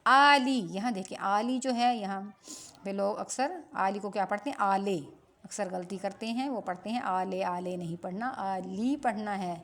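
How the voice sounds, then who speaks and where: Lady teaching recitation, patient, slow drawn-out examples then quick explanations. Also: mid-range voice, a little hiss or hum. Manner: patient and instructive, often asks then answers her own question. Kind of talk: pronunciation lesson with slow demonstrations.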